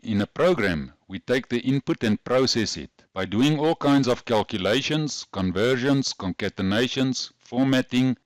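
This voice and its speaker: Male tutorial host, broad South African Afrikaans accent, lowish pitch, dry close sound, methodical scripted teaching. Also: dry recording. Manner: methodical, instructional, carefully explained. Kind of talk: scripted lesson narration.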